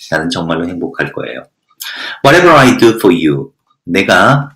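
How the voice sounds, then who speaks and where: A man teaching a textbook lesson, reading English sentences slowly before explaining each in detail. His voice sits fairly low but moves around a lot, rising and dropping as he asks and answers his own questions. The recording has a noticeable roomy echo. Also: fairly bright tone. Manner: reads English lines slowly, then explains in Korean with rhetorical questions. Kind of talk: lecture reading and translating a textbook passage.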